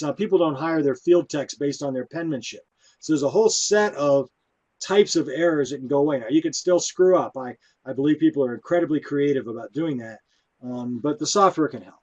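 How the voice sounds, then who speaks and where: Male presenter, slightly higher voice, loose and chatty, lots of ums. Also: brisk. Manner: relaxed, conversational, many fillers. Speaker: conference presenter. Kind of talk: conference talk.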